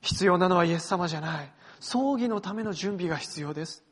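A male pastor preaching a sermon to his congregation, earnest, swinging between forceful emphasis and hushed phrases and inviting them to read along. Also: high voice, animated, fairly quick, husky. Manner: addresses the congregation directly, invites reading along.

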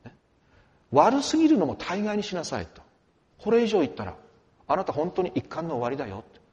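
A man preaching a sermon, lively and emphatic, with dramatic swings from quiet to loud. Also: sits high, fairly quick, in a large hall, lo-fi sound. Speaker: pastor.

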